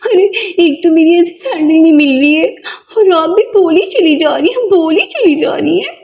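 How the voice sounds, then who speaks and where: Whiny high-voiced woman doing doll play. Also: animated, normal speed, creaky. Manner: whiny, pleading, near tears. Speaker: doll video creator. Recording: dull lo-fi recording.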